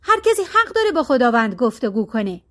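A woman's voice: on the high side, big pitch swings. A woman voicing a poor old wandering male musician in a storybook reading, firm and dignified.

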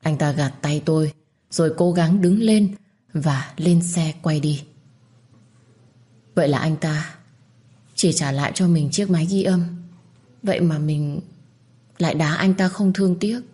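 Woman storyteller, first-person narration, low voice, calm, reflective. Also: unhurried, long pauses.

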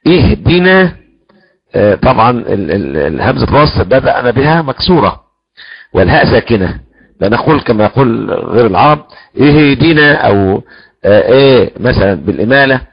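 A man teaching the readings of the Quran in a religious lesson, explaining and slowing down to chant the verses he cites. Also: on the low side, expressive, vocal fry, slightly rough, dull audio.

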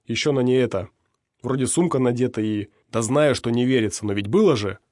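A man voicing a rattled young male stalker, telling his story excitedly and insistently in an audiobook. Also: medium pitch, a little fast, dry recording, clean studio sound, natural voice. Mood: agitated.

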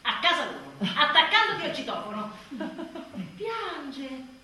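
A raw, sarcastic new mother at the end of her tether, her high voice leaping all over. She snaps between shouting and bitter near-whispers. The sound is caught from far off and rings through a very echoey space. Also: big pitch swings, unhurried, a little hiss or hum, full character voice. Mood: weary. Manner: biting, sarcastic, swings from shouting to hushed. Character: exhausted, furious new mother, sardonic and raw. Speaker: stage actress. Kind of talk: theatrical monologue. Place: theatre stage. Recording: very echoey stage recording from afar.

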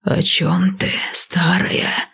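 A woman's voice: on the low side, little pitch movement, extremely slow, vocal fry, a bit bright, husky, exaggerated voice. A woman voicing an old male snake chief, stern, speaking in a hissing whisper.

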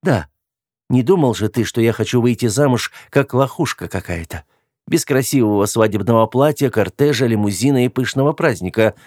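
A man's voice: medium pitch, expressive, normal speed, darkish tone, dry recording, clean studio sound, close to an everyday voice. A man voicing a scornful, hurt young woman. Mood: demanding. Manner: cutting, scornful. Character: proud hurt young woman, sharp-tongued.

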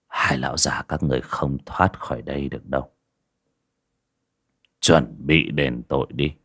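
A man's voice: very deep voice, sing-song, a little fast, vocal fry, fairly bright tone, husky, voice pushed down, heavily acted. A man voicing a vengeful village man who speaks in a cold, sneering, threatening way in an audio story. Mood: cold menace.

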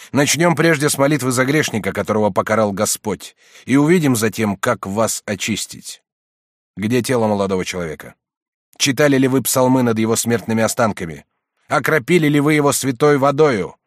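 Storybook figure: man reading as a stern old cardinal, rebuking and forceful, dry close sound. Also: medium pitch, dry recording, lightly acted.

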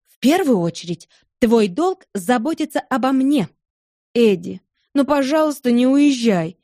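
A woman's voice: sits high, lively intonation, unhurried, warm tone, no echo, clean studio sound. A woman reading an audiobook, voicing a capricious young wife who pleads and reproaches in a raised voice. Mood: reproachful. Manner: pleading, reproachful, playful turning angry. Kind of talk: audiobook character voice.

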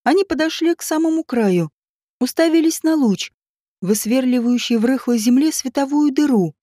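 Mellow woman narrating a story. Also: sits high, expressive, moderate pace, dry recording, studio quality. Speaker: audiobook narrator. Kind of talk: scripted narration.

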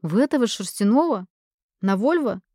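A woman's voice: medium pitch, expressive, normal speed, warm tone, no room sound, clean studio sound, voice pushed up, lightly acted. A woman reading an audiobook and voicing a blunt, teasing young woman naturalist.

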